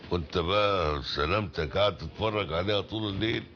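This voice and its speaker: An actor playing a gruff, commanding neighborhood boss, with an Egyptian accent and a blunt way of talking. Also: male voice, sits low, fast talker, a bit bright, slight background noise. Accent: Egyptian Arabic. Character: gruff middle-aged male neighborhood boss. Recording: dull film soundtrack.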